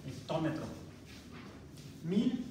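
A man's voice: a little high, sing-song, drawn-out words. A man with a Mexican Spanish accent gives a university math lecture in a classroom, often quizzing the students and restarting words. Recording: very echoey classroom recorded from far off, noisy.

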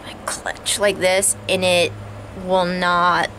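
Slow-talking woman with a swollen jaw. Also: lowish voice, flat delivery, a bit bright, slight background noise. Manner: talks carefully with a swollen, sore jaw. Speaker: vlogger. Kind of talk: casual chat to camera. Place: outdoors on a house porch. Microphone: camera at arm's length.

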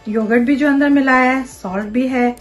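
A woman in her thirties hosts a home cooking show from her own kitchen. She talks step by step in a fairly high, friendly-sounding chat as she works. Clear background music runs under her voice. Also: moderate pace. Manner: chatty, walks viewers through each step. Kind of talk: casual cooking demonstration.

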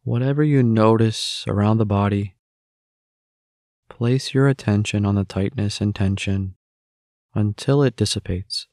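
A man with a lowish voice narrates a guided meditation, offering gentle, unhurried instructions with long pauses between phrases. The recording is dry and clean, studio-quality sound.

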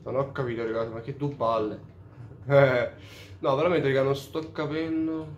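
A man chatting through a let's play, cursing often and admitting out loud that he is lost. His pitch sits at an ordinary middle. The sound carries a noticeable room echo. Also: steady tone, moderate pace, lo-fi sound, a little hiss or hum. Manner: profane, openly baffled. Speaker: gamer. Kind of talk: casual let's play commentary. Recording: roomy echo.

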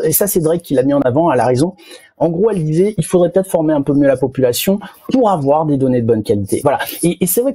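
Man, radio co-host, husky, mellow tone, emphatic. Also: on the high side, no room sound. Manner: emphatic, repeats words for stress. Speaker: radio show co-host commentator. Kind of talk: casual talk-radio commentary.

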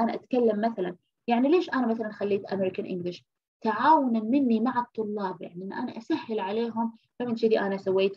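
Fast-talking husky woman lecturer from Egypt. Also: fairly high pitch. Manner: explains patiently, repeating key terms and checking in with "okay?". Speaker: university lecturer. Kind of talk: recorded university lecture. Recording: muffled lo-fi lecture recording.

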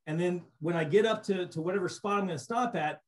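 A middle-aged man giving a relaxed recorded slideshow lecture on cave surveying over a webcam, explaining casually with frequent restarts. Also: high voice, fast. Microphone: webcam on a video call.

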